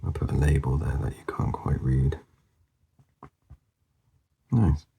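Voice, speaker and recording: While drawing, an artist with a very deep voice offers loose, rambling commentary, mumbling softly and often dropping to a near whisper. His voice is giving out, sounding very gravelly and quite dark with a breathy, husky edge, and he takes his time.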